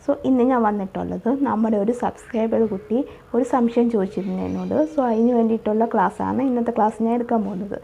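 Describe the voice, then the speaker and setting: Husky woman teaching English. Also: a little high, steady tone, fast, dark tone. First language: Malayalam. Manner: repetitive, patient explaining with restarts. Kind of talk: explaining a spoken English lesson. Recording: dull, lo-fi recording.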